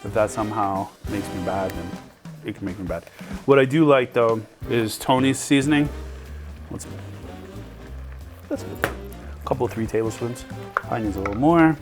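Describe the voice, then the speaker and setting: A man's voice: on the low side, normal speed, pauses often. Chatty middle-aged man cooking, music behind. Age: 40s. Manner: chatty, rambling, swears casually. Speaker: home cook host. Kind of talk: casual cooking chat.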